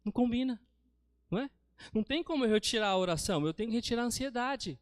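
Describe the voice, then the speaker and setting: A very high-pitched, expressive preacher with a Brazilian accent races through his church sermon at a quick pace, telling stories and frequently addressing listeners as brothers. The recording is clean studio sound with no room sound.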